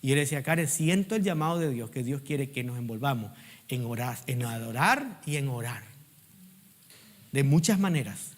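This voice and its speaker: A middle-aged man preaching a sermon as pastor, urging the congregation to repeat after him and swinging from loud emphatic peaks to quiet asides. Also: mid-range voice, lively intonation, moderate pace. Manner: preaching with call-and-response prompts to the congregation.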